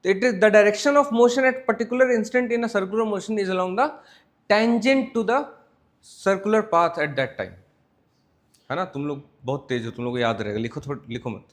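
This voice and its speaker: Indian guy teaching physics class, kinda high voice, keeps asking if ppl get it. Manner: mixes Hindi and English, asks students frequent check questions; slow, word-by-word dictation while writing. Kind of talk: classroom lecture.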